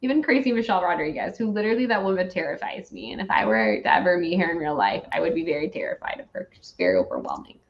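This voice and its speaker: A woman's voice: on the low side, expressive, fast talker, few pauses, a little hiss or hum. A woman rambling emphatically and with opinions in a casual, ranting film review chat, as a host. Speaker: host of a movie review show. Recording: dull lo-fi recording.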